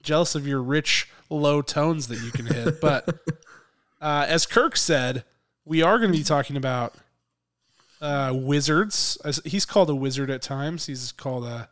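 A male podcast co-host chats casually and laughs a lot, his voice somewhat high for a man. It sounds smooth and clear, a little slow and a bit bright, with a slight hoarseness from a cold.

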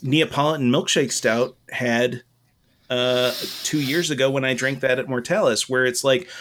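A man co-hosting a casual podcast, giving opinions in a halting, meandering, loose and tipsy-sounding way. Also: medium pitch, fairly even intonation, fairly bright tone, slight background noise. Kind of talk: casual rambling chat.

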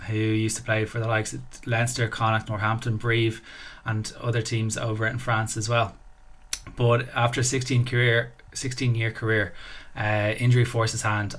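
A man's voice: medium pitch, fairly bright tone. A man hosting a podcast in a casual, conversational style. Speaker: podcast host. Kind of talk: casual podcast introduction and interviewing.

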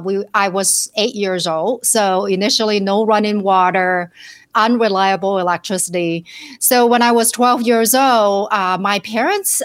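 Chinese-accented woman, halting speech. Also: a little high, fairly bright tone. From China. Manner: pauses often with "uh", searching for English words. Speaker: guest, financial advisor. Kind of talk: casual interview.

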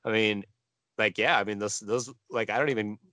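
A young man in his twenties answers as a guest, his voice low-pitched and close, with almost no room sound around it. He speaks in a halting, filler-heavy manner, circling back before finishing each thought. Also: fairly even intonation, pushed and bright, no room sound. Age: 20s. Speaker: guest musician. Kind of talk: casual conversational interview.

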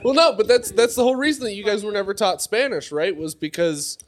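A man's voice: high-pitched, quick pace, a crowd in the background. A man in casual chat with a jokey, argumentative manner.

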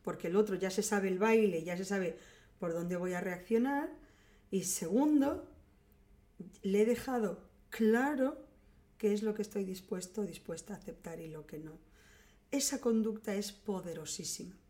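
Mellow-voiced Spanish woman giving advice. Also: mid-range voice, normal speed. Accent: Spain. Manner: explanatory, calm, teaching tone. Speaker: relationship advice speaker. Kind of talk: advice talk to viewers.

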